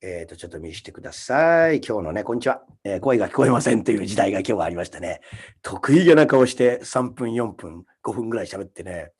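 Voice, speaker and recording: A man hosting his own livestream alone, talking casually, ranting with rough scolding asides and reading out viewer comments. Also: fairly low pitch, expressive, fast talker, a little mellow. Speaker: comedian hosting a solo livestream.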